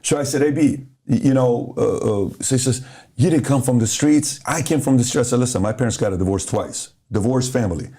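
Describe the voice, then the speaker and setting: Speaking fairly quickly in a mid-range voice, a middle-aged man from Iran shares motivational stories as a guest on a podcast, animatedly performing the characters' dialogue as he tells them.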